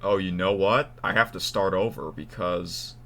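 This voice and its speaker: A man's voice: low voice, moderate pace, bright, forceful tone. A man hosting his own channel, talking casually and unscripted, thinking aloud and restarting his takes. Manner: chatty, restarts takes, talks to himself. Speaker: YouTube channel host. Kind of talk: casual unscripted vlog talk.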